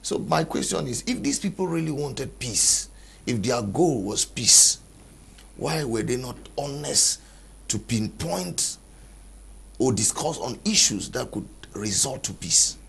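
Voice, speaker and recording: A man arguing his point as a panelist in a studio panel debate, deliberate and argumentative. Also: medium pitch, animated, gravelly, a bit bright, husky.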